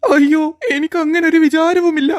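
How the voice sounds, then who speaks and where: A nervous cartoon man, as a woman voices him who squeals in panic and then growls out threats. His voice sits high for a man. He swings between whining and tough talk. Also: steady tone, brisk, natural voice. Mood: alarmed. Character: jumpy grown cartoon man who turns blustering.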